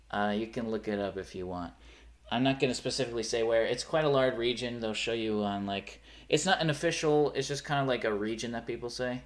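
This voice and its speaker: A young man with a faint rural Pennsylvania accent chats casually on a live stream, rambling and correcting himself, often trailing off and restarting sentences. His voice is mid-range and a little fast.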